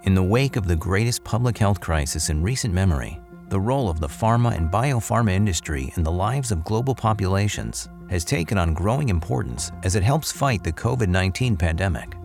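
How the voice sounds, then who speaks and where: A man reading a sponsor ad in a smooth, scripted way. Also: sits low, expressive, a little fast, hardly any pauses, darkish tone, soft background music. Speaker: ad announcer. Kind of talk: sponsor read.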